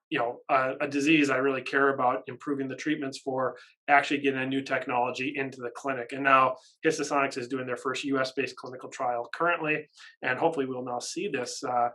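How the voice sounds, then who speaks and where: A man in his thirties talks informally about research as a professor taking questions. His pitch sits in the middle range. He sounds keen and caffeinated, pushing out phrases in emphatic bursts. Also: fairly bright tone. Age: 30s. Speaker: university professor and research lab head. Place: small office, indoors.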